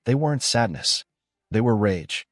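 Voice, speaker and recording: A man narrating a first-person story in a calm, measured, scripted way. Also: medium pitch, no room sound, studio quality.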